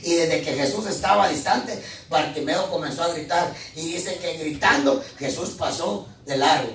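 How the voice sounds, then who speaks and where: A male pastor, preaching a sermon with fiery swings between shouting and quiet asides. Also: on the high side, normal speed, a little hiss or hum. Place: church hall. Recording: echoey church, mic at a distance.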